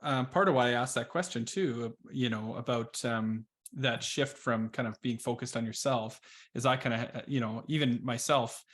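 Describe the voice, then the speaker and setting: A man hosts a podcast conversation at a middling pitch. He asks questions in a casual, easygoing manner, often hesitating and rephrasing as he goes. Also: moderate pace, a bit bright. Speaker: podcast host. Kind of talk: casual interview chat.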